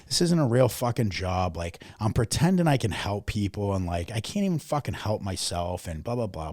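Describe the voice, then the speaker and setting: Blunt, profane man with a husky voice. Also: on the low side, a little mellow, no room sound, clean studio sound. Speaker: podcast guest. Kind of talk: candid conversational storytelling. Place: podcast studio.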